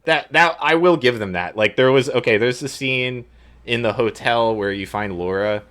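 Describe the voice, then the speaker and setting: A man co-hosting a casual gaming podcast, talking in an animated, profane, rambling way. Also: mid-range voice, moderate pace. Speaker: podcast co-host.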